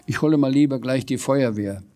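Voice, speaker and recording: A man voicing a bossy, excitable older woman landlady who talks in a shrill, impatient way in a storybook reading. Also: brisk, close to an everyday voice. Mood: agitated.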